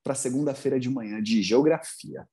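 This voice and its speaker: A man's voice: mid-range voice, normal speed, mellow. A man, a psychologist giving a humorous talk to parents over a video call and acting out their voices.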